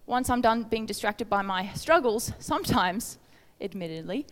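In a large hall, a woman preacher gives an informal, conversational sermon with Bible reading, earnest and posing questions to her listeners. Her voice is on the high side and animated, at a moderate pace.

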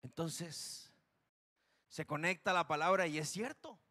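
A man from Costa Rica preaching a sermon in a church, swinging between loud urgent declarations and hushed, low warnings. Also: unhurried. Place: church sanctuary.

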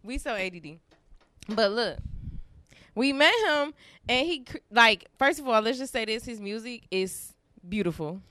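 A woman co-hosting a casual podcast chat, slangy and animated, acting out quotes with big jumps in her voice. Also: a little high, unhurried, no echo. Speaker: podcast co-host.

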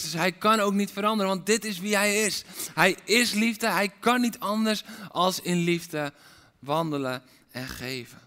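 A man's voice: high-pitched, pushed and bright. Impassioned male preacher in a reverberant hall. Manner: impassioned, repetitive preaching cadence. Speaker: pastor. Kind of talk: sermon. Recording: long reverb of a large hall.

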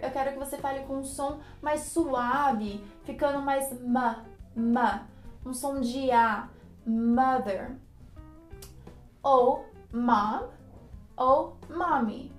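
A high-voiced woman with a Brazilian Portuguese accent, whose first language is Portuguese, teaching an English lesson and pausing after words for students to repeat. She talks slowly and sounds out each English word with care. The room echoes, and soft music plays faintly underneath. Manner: slow, careful pronunciation of English words.

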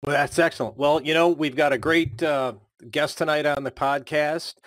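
An older man from Buffalo, New York, hosting a casual podcast chat with lots of relaxed "uh" fillers. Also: a little high, normal speed, no echo. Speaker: podcast host.

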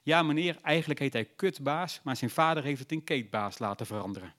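A man's voice: medium pitch, fairly quick, fairly bright tone, natural voice. A man voicing a big, boorish teenage schoolboy who mocks his new teacher. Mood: cheeky. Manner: cheeky and mocking. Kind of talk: storybook reading.

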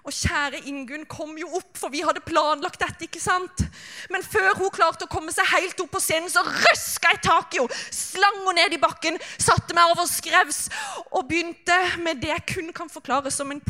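A woman's voice: very high-pitched, steady tone, bright, forceful tone, soft background music. A young woman performing a comic story on stage.

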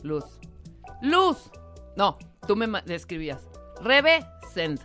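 A Mexican woman co-hosting a radio chat, telling stories in an animated way and laughing often. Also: medium pitch, slow pace, faint music behind. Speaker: radio co-host.

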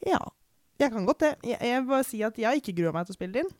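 A young woman from Norway giving a candid, reflective personal account in conversation, pausing and restarting often. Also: fairly high pitch, animated, darkish tone, dry recording, studio quality. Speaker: podcast guest.

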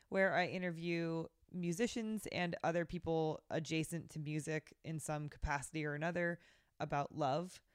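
Chill lady podcast host, lowish smooth voice, laughs a lot, dry close mic. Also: no echo. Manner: laughs often, relaxed and affectionate. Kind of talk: casual chat.

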